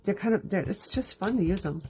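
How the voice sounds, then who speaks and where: A woman of medium pitch speaks briskly, sounding expressive with a dark tone, and a little hiss or hum is present. As a crafting host, she leads a live card-making demo from her craft room, talking through each step. Allergies make her stuffy and sniffly, and a dog drags its bed around nearby.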